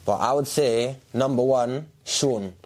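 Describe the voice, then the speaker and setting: A man's voice: mid-range voice, slow, a little mellow. A man speaks in a South London accent as a guest in a casual chat. His talk is full of street slang. He is emphatic and often doubles back to repeat his point. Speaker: podcast guest, dancer.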